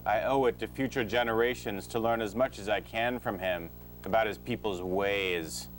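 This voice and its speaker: A man playing a smooth-talking, unethical professor with a pompous, falsely genial manner in an amateur comedy audio drama. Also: lowish voice, moderate pace, natural voice, poor audio. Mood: self-satisfied.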